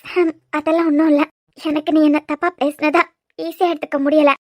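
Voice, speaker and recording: A hurt young cartoon girl, high voice, kanyakumari accent, curt and guarded. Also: little pitch movement, a little fast, no echo, clean studio sound. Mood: wounded. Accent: Kanyakumari Tamil. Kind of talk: cartoon serial voice acting.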